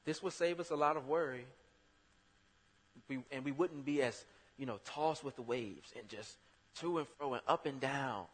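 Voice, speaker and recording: A man preaching a sermon in a conversational way, breaking into loud, emphatic bursts. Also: medium pitch, normal speed, slightly rough. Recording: long hall reverb.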